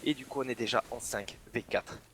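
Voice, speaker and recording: A man from the south of France, casting an esports match solo and bursting into shouts on big plays. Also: medium pitch, brisk, heavy background noise. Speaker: esports caster. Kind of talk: solo play-by-play commentary.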